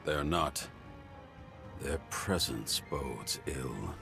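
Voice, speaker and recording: An actor playing a grave male forest guardian in a fantasy game, with a deep gravelly voice and solemn, archaic phrasing. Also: animated, extremely slow, exaggerated voice. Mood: grave concern. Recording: game music behind the voice.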